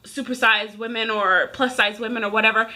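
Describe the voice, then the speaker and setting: Speaking briskly with a fairly high pitch and fairly even intonation, this woman in her thirties airs a rant to viewers like a vlogger. Her voice sounds pushed and bright, and she talks casually but emphatically.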